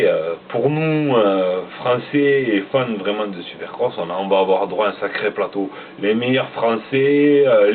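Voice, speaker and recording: A man's voice: medium pitch, recorded from a distance, a little hiss or hum. A man, casually reading out a list of riders, tripping over names and joking about it. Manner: stumbles over names, self-mocking. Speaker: motocross vlogger. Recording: tinny phone-like sound from away from the mic.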